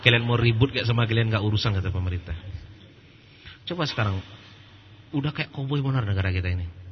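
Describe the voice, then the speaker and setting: Animated low-voiced male preacher, muffled recording. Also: fast. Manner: animated storytelling, acts out quoted voices, laughs at own jokes. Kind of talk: religious lecture. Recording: muffled lo-fi recording with faint background noise.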